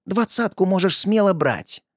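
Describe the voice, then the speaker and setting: A man voicing a sleazy, crude male tempter who mocks and goads in a low, lazy drawl. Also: lively intonation, unhurried, husky, dry recording, clean studio sound, heavily acted. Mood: sneering.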